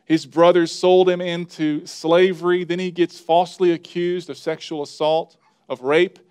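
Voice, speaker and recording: This is a male pastor delivering a sermon in a plain, earnest, conversational way. His voice sits slightly higher than most men's. He leans into key phrases with rising emphasis. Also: flat delivery, normal speed, a little mellow, smooth.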